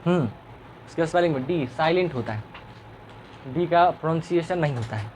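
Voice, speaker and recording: A man's voice: a little high, lively intonation, brisk, a little mellow, slight background noise. A male schoolteacher, teaching a classroom lesson and teasing and quizzing his pupils.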